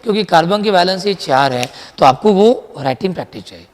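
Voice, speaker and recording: A man teaching a chemistry lecture in a lively, chatty way, quizzing his students as he goes. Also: sits high, brisk, long reverb tail. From India. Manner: lively, chatty, mixes Hindi with English terms, quizzes students. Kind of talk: classroom lecture.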